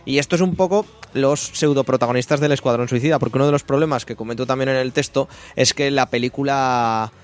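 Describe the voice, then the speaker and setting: A man with a Spain Spanish accent, hosting a casual film review chat, blunt and quick to swear. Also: medium pitch. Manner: blunt, swears freely, rants.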